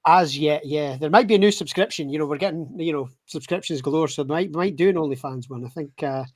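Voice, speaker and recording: A man's voice: a little high, quick pace, dry recording. A Scottish man in his thirties, guest-hosting a casual podcast chat, joking and rambling with lots of fillers. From Scotland. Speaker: guest host.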